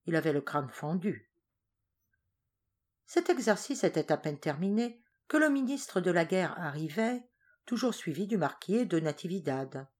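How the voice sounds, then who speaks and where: A woman narrating a classic novel as an audiobook reader, in a steady, expressive storytelling manner. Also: on the low side, moderate pace.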